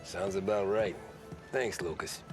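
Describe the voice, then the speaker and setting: Wry mob getaway driver, low voice, laid-back, game music underneath. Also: male voice, a little slow. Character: cool young mob driver, dry humor. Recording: game soundtrack music behind.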